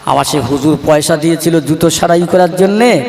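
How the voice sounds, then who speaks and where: A preacher plays a poor barefoot schoolboy, timid and pleading, his words small and humble. A high voice heard in a roomy hall with long, booming reverb. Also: brisk, creaky, darkish tone. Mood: meek pleading. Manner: meek, pleading.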